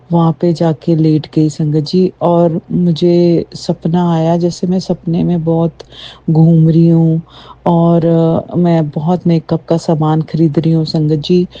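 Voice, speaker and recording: Low, flat-voiced woman giving testimony. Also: no echo, lo-fi sound. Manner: keeps addressing listeners as sangat ji, halting delivery. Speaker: devotee sharing a testimony. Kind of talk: personal devotional testimony.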